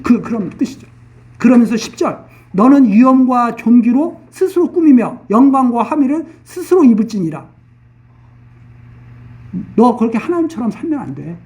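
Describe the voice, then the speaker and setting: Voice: medium pitch, big pitch swings, normal speed, mellow, recorded from a distance. Preacher, expository Bible sermon, casual plain explanation, repeated phrases.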